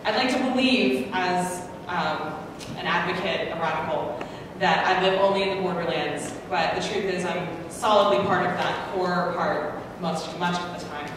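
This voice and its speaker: Speaking at a moderate pace with hardly any pauses, this American panelist has a lowish voice and comes across as earnest and self-deprecating, though she says um a lot. The conference hall sounds echoey and noisy, and the mic is far away.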